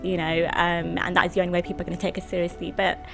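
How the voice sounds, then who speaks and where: A woman's voice: fairly low pitch, monotone, very fast, gravelly, music in the background. A woman co-hosting a casual podcast chat, conversational and full of "you know" fillers.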